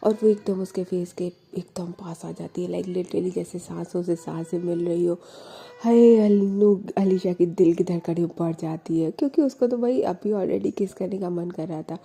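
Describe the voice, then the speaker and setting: A woman's voice: on the low side, normal speed, gravelly, dark tone, husky, soft background music. A woman telling a romance story in a chatty, conversational way with casual asides.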